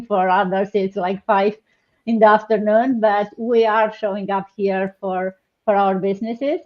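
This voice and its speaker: A woman hosts a live online panel, speaking warmly and haltingly, often restarting her phrases. Her voice sits at an average pitch for a woman. The stream audio sounds slightly dull and lo-fi. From Romania. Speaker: host.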